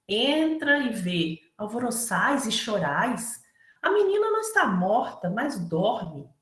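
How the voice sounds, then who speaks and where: A woman's voice: a little high, fairly bright tone. A earnest Brazilian woman lecturing in an echoey hall. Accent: Brazilian Portuguese, Minas Gerais. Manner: earnest and conversational, frequent tag questions, acts out quoted voices. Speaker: spiritist lecturer. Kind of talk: spiritist talk. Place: lecture hall of a spiritist center.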